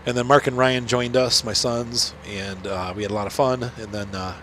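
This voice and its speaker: Nasal from a cold, a middle-aged gaming host offers rambling, chatty commentary as he plays, stumbling through fillers and restarts. His mid-range voice is fairly bright and fairly even in intonation at a normal speed, with faint noise behind him.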